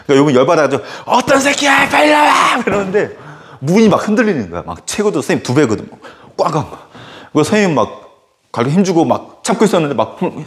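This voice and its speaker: A male history teacher tells a story casually during a lecture, animated and full of fillers. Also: a little high.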